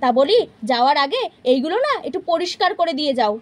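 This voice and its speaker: A woman's voice: high voice, sing-song, fast talker. A woman voicing a stern village mother in a toy-house puppet play, scolding her neighbour insistently. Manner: scolding, insistent, repeats words.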